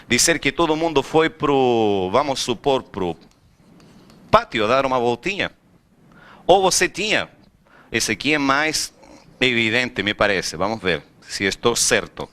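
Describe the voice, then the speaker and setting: A man's voice: medium pitch, a little slow. A man teaching Spanish in a classroom, often asking the students questions. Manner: lively, rhetorical questions to students. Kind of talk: recorded classroom lecture.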